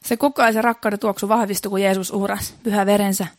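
Woman preacher, mid-pitched, earnest and repetitive, dry room. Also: fairly even intonation, no echo. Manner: earnest, repetitive, building emphasis. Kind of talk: sermon.

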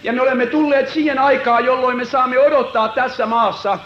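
A man preaching a dramatic revival sermon, swinging from loud proclamation to hushed retelling. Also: extremely high pitch, fairly even intonation. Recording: roomy, dull lo-fi hall recording.

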